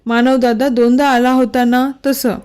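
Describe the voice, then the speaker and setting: A woman reading a storybook, voicing a young emotional wife who turns from angry to pleading, in a fairly high voice. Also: level tone, darkish tone, smooth. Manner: pleading, quick to anger.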